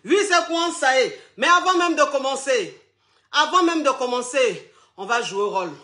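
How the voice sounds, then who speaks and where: A man's voice: very high voice, lively intonation, normal speed, bright, forceful tone. A man hosting a playful online chat show, out of breath, teasing and laughing with his viewers. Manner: flamboyant, teasing, laughs often, calls viewers "my loves".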